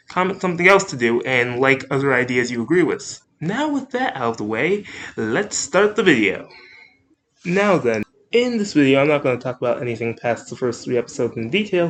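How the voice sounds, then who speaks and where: Rambling young guy with a lively voice. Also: on the high side. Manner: rambling, self-correcting, jokey; animated, up-and-down delivery. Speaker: anime reviewer, channel host. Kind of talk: casual video commentary.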